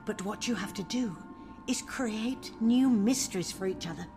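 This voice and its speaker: A woman's voice: medium pitch, moderate pace, a little mellow, faint music behind, close to an everyday voice. A woman acting a bossy, dithering leader of a role-play group in a sitcom.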